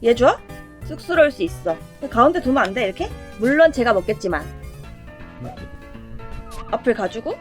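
A woman's voice: a little high, sing-song, normal speed, pauses often, soft background music. A woman giving casual let's-play commentary with playful exclamations and chatty self-talk. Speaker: game streamer.

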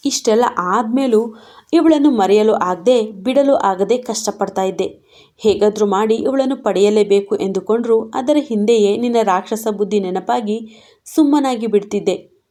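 A woman's voice: medium pitch, normal speed, dark tone, close to an everyday voice. Jealous scheming young rival, as a woman reads him. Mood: bitter. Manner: bitter, boastful confession.

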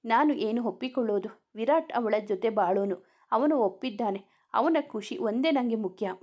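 A woman voicing a caring middle-aged mother who speaks gently but firmly. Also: a little high, moderate pace, muffled recording, natural voice.

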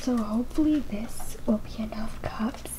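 A woman's voice: fairly high pitch, normal speed, heavy background noise. A young woman vlogging at home, whispering as she sets up a prank, with lots of "like" fillers. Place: indoors at home.

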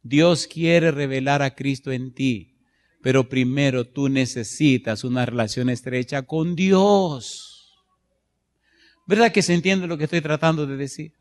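A middle-aged man pastor preaching a sermon, telling personal stories with passion and swinging from loud bursts to hushed moments. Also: mid-range voice, measured pace.

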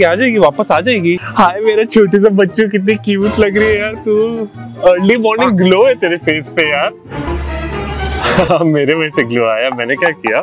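A young man with a fairly high voice coos sugary baby talk into his phone on a park bench. He slips into coaxing, sheepish asides to the strangers next to him. Music plays loud underneath. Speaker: prankster. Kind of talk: pranking strangers by talking on a pretend video call.

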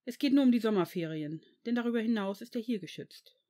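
A reader doing a calm, firm old headmaster. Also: mid-range voice, pitched above the performer's own voice, lightly acted. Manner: measured, calm, sometimes stern. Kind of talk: audiobook reading of fan fiction.

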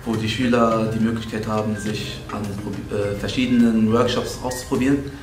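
A man's voice: on the low side, flat delivery, brisk. A young man talks in a loose, colloquial way about returning to his old school. The room around him gives his voice a noticeable echo, and faint music runs underneath. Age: young adult. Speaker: former student of the school. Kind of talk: casual interview.

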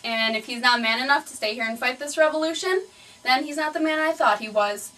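A woman's voice: mid-range voice, steady tone, rapid-fire, fairly bright tone, close to an everyday voice. A woman playing a fiery, defiant contestant who makes dramatic declarations in a comedy skit. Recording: distant mic, faint music.

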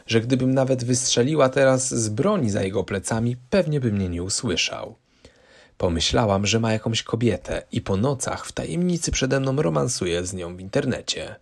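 Man, story narrator, steady measured reading, gravelly, husky. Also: fairly low pitch. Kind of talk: scripted first-person story narration.

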